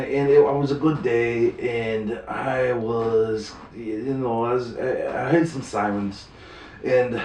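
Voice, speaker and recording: A man spins a rambling, profane story, stumbling over restarts as he goes. His voice sits at an ordinary middle pitch. It sounds roomy and picked up from a little away from the microphone. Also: a little mellow, far from the mic, a little hiss or hum. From New York City. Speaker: storyteller guest. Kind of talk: casual storytelling.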